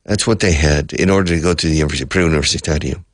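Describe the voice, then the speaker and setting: A man's voice: a bass voice, racing, no echo, studio quality. An older man, a radio host, telling a rambling personal story from his youth and correcting himself as he goes. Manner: rambling, reminiscing, with self-corrections. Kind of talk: storytelling monologue.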